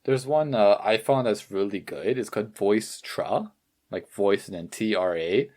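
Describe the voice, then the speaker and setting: A man's voice: on the low side, measured pace, darkish tone. A man co-hosting a casual podcast in an easygoing, agreeable way, with plenty of likes and uhs. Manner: easygoing, agreeable, many fillers. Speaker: podcast co-host.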